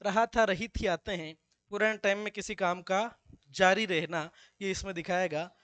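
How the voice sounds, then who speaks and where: A man's voice: high voice, steady tone, normal speed, a bit bright, dry recording. A male teacher giving a classroom grammar lesson, with joking asides and slips into local dialect.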